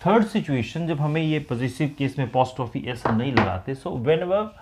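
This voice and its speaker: A man teaching an English grammar lesson, explaining slowly and deliberately. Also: medium pitch, lively intonation, background noise. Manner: slow, deliberate explaining, mixing English and Hindi.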